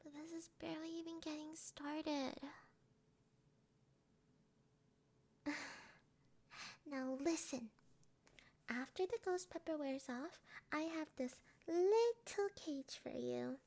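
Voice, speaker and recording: Slow, high, sweet, eerily obsessive ASMR role-play by a woman. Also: creaky, a little mellow, exaggerated voice. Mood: insistent, sweet menace. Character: sweet, eerily obsessive young yandere woman, sadistic lover.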